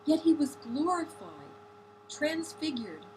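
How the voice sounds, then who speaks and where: A woman with a high voice reads a novel aloud at a slow, careful pace. She is deliberate and now and then corrects a slipped word. A faint hum runs beneath the recording. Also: very animated, poor audio. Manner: deliberate, with occasional slips and self-corrections. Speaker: audiobook reader.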